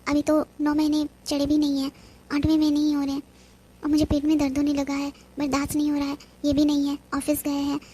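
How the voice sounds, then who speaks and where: A woman's voice: high voice, completely flat delivery, a little fast, dark tone, natural voice. A woman voicing a young pregnant daughter-in-law, pleading and distressed, in a cartoon. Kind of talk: cartoon voice acting.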